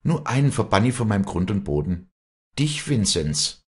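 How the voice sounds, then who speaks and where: A man's voice: mid-range voice, sing-song, moderate pace, slightly rough, pitched above the performer's own voice. A man voicing a proud young peasant woman who now runs her farm, speaking firmly in rural dialect. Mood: stern. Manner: firm, commanding, in rural dialect.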